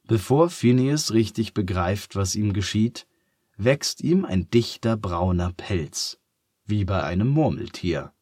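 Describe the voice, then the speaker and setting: Man reading a bedtime story, slow, low, breathy, dry close sound. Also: expressive, darkish tone, no room sound.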